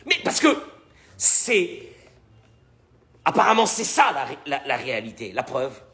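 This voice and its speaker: A man's mid-range voice moves at a measured pace as he teaches the weekly portion as a rabbi. His Torah class is lively, with acted-out dialogue, repeated words, and frequent questions to the listeners.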